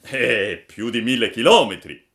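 A man's voice: mid-range voice, lively intonation, a little slow, a bit bright, voice pushed up. A man voicing a large, kindly pigeon in a storybook reading, matter-of-fact with small hesitant fillers. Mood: helpful.

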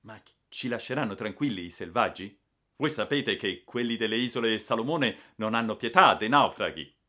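Brief: man voicing a fretful passenger, urgent and anxious, pushed louder than his own voice. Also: fairly low pitch, animated, normal speed, pitched above the performer's own voice. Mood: worried. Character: alarmed man aboard a wrecking ship.

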